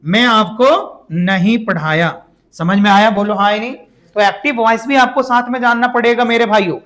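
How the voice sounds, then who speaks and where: A man with a fairly high voice and an Indian accent teaches English grammar to his class. He stretches out the example sentences slowly and keeps asking students to say them back. He addresses them as "brother" and "dear". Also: fairly bright tone. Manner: drills phrases slowly and asks the class to repeat.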